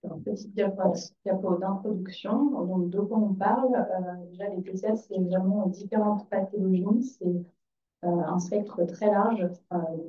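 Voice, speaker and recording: A hoarse woman with a raspy, breathy, nearly lost voice giving a conference presentation as a child psychiatrist. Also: on the low side. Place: conference room. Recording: echoey, distant, dull hall microphone.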